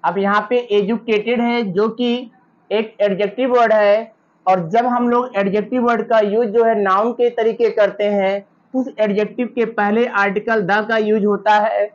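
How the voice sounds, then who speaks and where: A woman teacher explaining exam questions step by step, reading each English question out slowly. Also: mid-range voice, steady tone. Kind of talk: exam-prep lesson explaining answers. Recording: slightly dull lo-fi recording.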